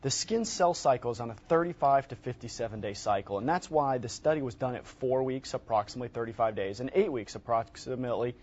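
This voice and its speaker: A man in his thirties gives a quick, explanatory home shopping pitch as an expert guest. His mid-range voice stresses points by repeating words. The studio lapel-mic sound is slightly dull. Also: darkish tone. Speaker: dermatologist product guest. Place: TV studio set, indoors. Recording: slightly dull lo-fi broadcast audio.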